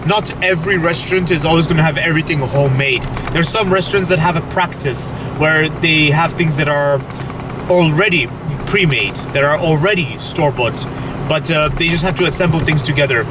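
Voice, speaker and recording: Car and road noise fill the background as a young food vlogger from Belgium chats to camera while driving, the camera mounted on his dashboard. His voice runs on the high side and fairly quick, and his casual talk is hesitant, with many restarts.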